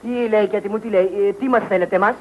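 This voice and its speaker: An actor playing a nervous, flustered cousin who stammers and fusses. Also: male voice, high-pitched, steady tone, natural voice. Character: nervous, flustered middle-aged male cousin. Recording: dull old film soundtrack with music.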